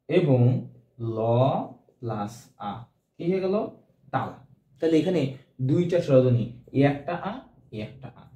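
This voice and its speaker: Guy teaching a grammar class, keeps asking then answering himself, mellow tone, roomy echo. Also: a little high. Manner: quizzing, answers own questions. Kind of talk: exam-prep grammar lesson. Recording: echoey room.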